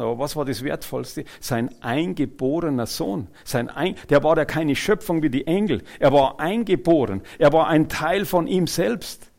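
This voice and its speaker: A man delivering a sermon, speaking to the listeners directly and swinging from loud, emphatic phrases to quiet ones. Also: a little high, creaky. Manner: animated, swings between loud and soft, chuckles. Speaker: preacher.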